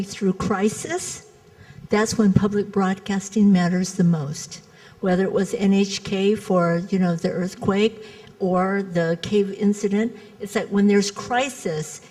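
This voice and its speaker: A woman's voice: medium pitch, fairly even intonation, measured pace, darkish tone, poor audio. A woman panelist explaining her points methodically in a conference discussion.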